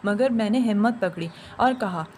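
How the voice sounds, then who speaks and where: A woman narrating a first-person story in a steady, emotive way. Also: mid-range voice, a little hiss or hum.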